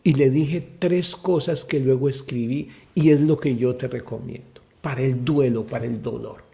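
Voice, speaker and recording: Gravelly man preaching emphatically. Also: medium pitch, steady tone, moderate pace, warm tone. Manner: emphatic, addresses listeners as brother. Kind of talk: preaching-style talk.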